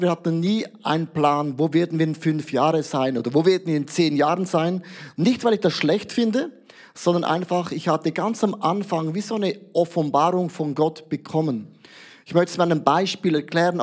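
A man preaching a sermon as pastor, explaining through lively everyday examples and mixing in English words. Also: on the high side.

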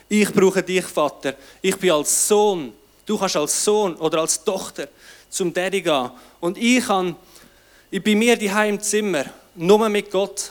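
Preacher, male, high voice, fervent and exclamatory sermon delivery. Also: fairly bright tone, smooth. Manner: fervent, exclamatory, with frequent "hey" and "wow".

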